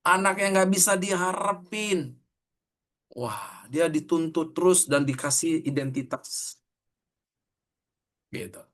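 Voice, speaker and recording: A man's voice: high voice, fairly bright tone. A middle-aged man, preaching a sermon in a conversational way, telling a story and acting out the quoted dialogue.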